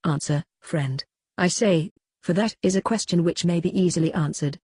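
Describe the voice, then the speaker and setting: A reader voicing an aged philosopher on trial, cross-examining his accuser in a measured, questioning way in a dramatic reading. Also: mid-range voice, darkish tone, husky, no echo, studio quality, lightly acted. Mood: probing. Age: older. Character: aged male philosopher on trial, probing, ironic. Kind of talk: dramatic reading of a classical dialogue.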